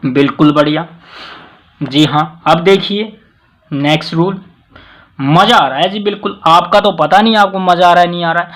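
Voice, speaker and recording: A man teaching English grammar in a casual classroom way, mixing Hindi with English and hitting key words hard, often addressing listeners with a polite "ji". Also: a little high. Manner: stresses words loudly, mixes Hindi with English.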